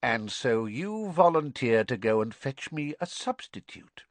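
A man voicing a cold, menacing, frail dark lord in an audiobook, with a breathy, hissing, soft delivery full of contempt. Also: mid-range voice, very animated, unhurried, no room sound. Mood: accusing. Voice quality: breathy, hissing near-whisper.

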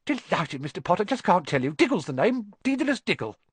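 A man voicing an excitable little gentleman, gushing and exclaiming with delight in an audiobook. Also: high-pitched, brisk, breathy edge, no echo, pitched above the performer's own voice, full character voice. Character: excitable little top-hatted male fan, thrilled. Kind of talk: audiobook character acting.

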